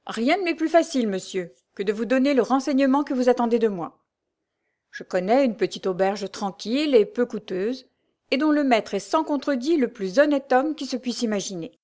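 A scheming swindler who lays on obsequious flattery, his voice pitched up and eager to please, performed by a woman reading a novel. Every word is honeyed and deferential, in a storybook reading. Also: moderate pace, lightly acted. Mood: obliging. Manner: ingratiating, obsequious. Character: scheming smooth-talking Paris swindler, middle-aged man.

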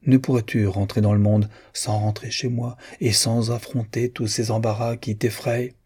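A man reading an audiobook and voicing an anxious, loving mother who pleads softly. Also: fairly low pitch, little pitch movement, moderate pace, breathy edge. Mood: pleading. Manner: soft, pleading, gently raised.

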